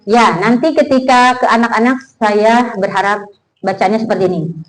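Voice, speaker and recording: An Indonesian woman teaching Quran recitation, chanting verses slowly and then correcting pronunciation in quick, insistent speech. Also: a little high, low-quality recording. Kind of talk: tajwid lesson with recitation drills.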